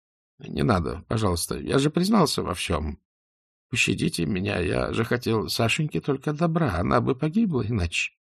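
A man's voice: medium pitch, sing-song, normal speed, creaky, breathy edge, no echo, studio quality, pitched above the performer's own voice, heavily acted. Man doing a terrified prisoner doctor. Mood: pleading. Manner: pleading, breaking into hysterical shouts. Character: frightened middle-aged male doctor prisoner.

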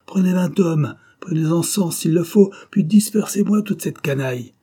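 A man's voice: mid-range voice, expressive, a little slow, mellow, slightly rough, voice pushed up. A man voicing a domineering military commandant who gives curt, barked orders. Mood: commanding.

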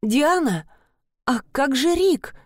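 A woman's voice: high-pitched, lively intonation, slow, darkish tone, no room sound, studio quality, voice pushed up. A woman voicing a frightened, resentful young sister in an audiobook, pleading and rising with emotion. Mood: worried. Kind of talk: audiobook character voice.

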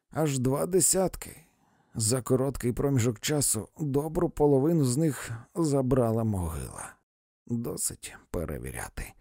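An earnest old man argues his case in a persuasive, animated voice, read by a male narrator. His tone is mellow and low-lit. The recording is dry and close. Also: no room sound. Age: older.

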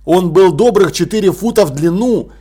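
A man narrating an audiobook in an expressive, lively storytelling manner. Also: high voice, normal speed, husky. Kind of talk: audiobook reading.

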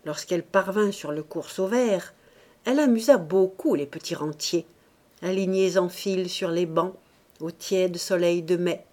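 A woman reading a classic novel as an audiobook narrator, in an expressive, measured way. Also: lowish voice. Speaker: audiobook reader. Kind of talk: scripted narration.

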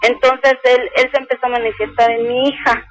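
An older woman calling a radio show, slowly and earnestly telling a personal story and quoting each speaker. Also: on the high side, flat delivery, rough recording. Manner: slow, earnest retelling that quotes each speaker. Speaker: caller.

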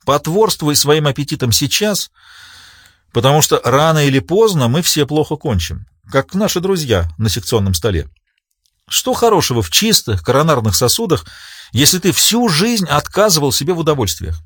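A man's voice: a little high, very animated, normal speed, fairly bright tone, no echo, studio quality, pitched above the performer's own voice. A man voicing a portly, jovial male pathologist who chats and lectures with relish. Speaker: medical examiner.

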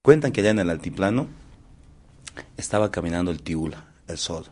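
A man narrating folk tales as a storyteller in an animated, expressive, dramatic way. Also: deep voice, brisk.

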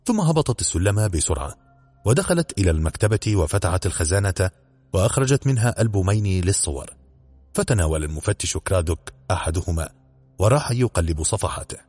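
A man reading a mystery novel aloud as the narrator, in a steady, measured way. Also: sits low, slightly rough, dry recording, faint music behind. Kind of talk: scripted audiobook narration.

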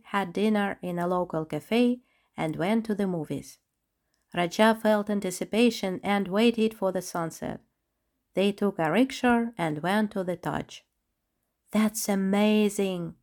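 A woman narrating a children's storybook with a steady, clear reading. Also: mid-range voice.

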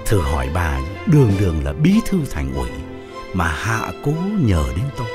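A man voicing a boastful older male fortune teller spinning a story with a husky voice. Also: low voice, big pitch swings, normal speed, over music, pitched below the performer's own voice.

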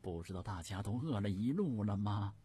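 A haughty old empress dowager, irritable and demanding, as a male storyteller puts her on. The voice is low and husky, and the lines are drawn out slowly. Soft music sits behind. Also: lively intonation.

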